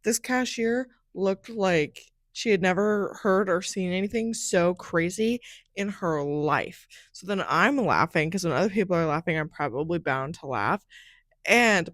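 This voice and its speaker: A woman's voice: on the low side, a little slow, a bit bright, no room sound, clean studio sound. A young woman hosting her own podcast, telling stories in a casual solo chat. She keeps saying "like" and sounds a bit groggy from a nap. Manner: chatty, fills speech with "like". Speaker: podcast host.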